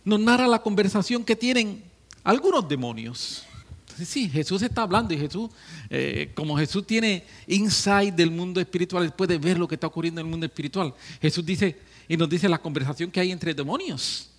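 Male pastor, slightly high voice, animated sermon delivery with humorous asides. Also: normal speed. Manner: animated preaching, swinging from hushed to shouting with joking asides.

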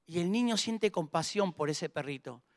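A man's voice: sits high, animated, moderate pace, dry recording, clean studio sound. A man pastor delivering a sermon, telling a story and then leading the congregation in fervent prayer. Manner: fervent preaching, builds to emphatic prayer.

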